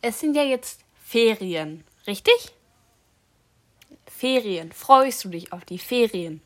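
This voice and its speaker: A woman casually hosting a challenge, speaking deliberately to someone wearing headphones and repeating her questions and key words. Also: on the high side, animated. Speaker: host.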